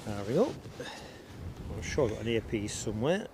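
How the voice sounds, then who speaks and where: A man's voice: lowish voice, big pitch swings, normal speed. A man hosting a live stream outdoors near an airport, chatting casually and reading out viewer comments. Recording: outdoor stream with clear background noise. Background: outdoor ambience and passing vehicles.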